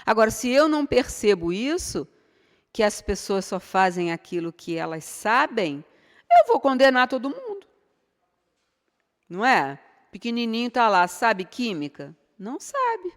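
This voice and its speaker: A woman's voice: a little high, wildly swooping pitch, unhurried. A middle-aged Brazilian woman giving an informal spiritual lecture, chatty and full of rhetorical questions. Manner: conversational, rhetorical questions with frequent tag "né?". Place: spiritist center hall. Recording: long hall reverb.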